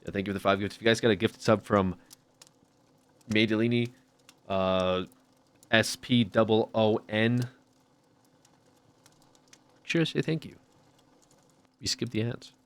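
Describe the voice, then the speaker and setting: A man's voice: fairly low pitch, unhurried, pauses often. A man chatting casually as he livestreams a game. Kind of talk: casual game stream chat.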